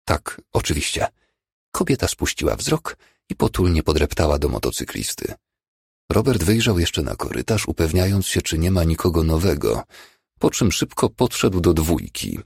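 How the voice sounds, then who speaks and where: A man reading a novel aloud as an audiobook narrator, in an expressive way. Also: low-pitched, creaky, slightly rough, dry recording, studio quality. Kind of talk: scripted narration.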